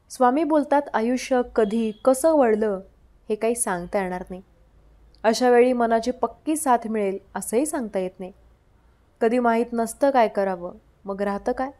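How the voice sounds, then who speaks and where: A woman reading out scripted devotional messages with a steady, preaching delivery. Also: fairly high pitch.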